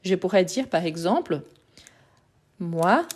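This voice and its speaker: A woman's voice: lowish voice, expressive, slow, darkish tone, slight background noise. A woman teaching French grammar in a live lesson, patient and methodical, repeating examples step by step, Portuguese her first language.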